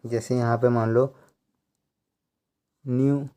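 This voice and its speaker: A man giving a slow tutorial, counting out numbers one by one and explaining how each is read. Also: medium pitch, flat delivery, mellow. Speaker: language teacher.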